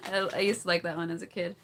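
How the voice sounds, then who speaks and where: A woman with a lowish voice, carrying a little hiss or hum, hosts a casual livestream. Laughing frequently, she chats with viewers from the chat, tries tongue twisters, and sings too.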